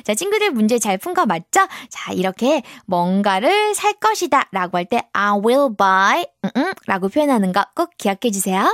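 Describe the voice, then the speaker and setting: Woman English teacher, encouraging, sing-song, lively pitch, dry close sound. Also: a little fast, few pauses, dry recording. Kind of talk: online English lesson for children.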